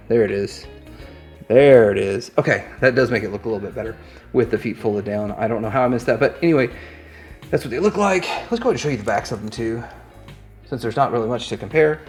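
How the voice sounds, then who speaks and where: With music playing in the background, a man reviews products off the cuff, musing aloud in a relaxed, meandering way while he handles the items. His voice is medium-pitched and a little mellow.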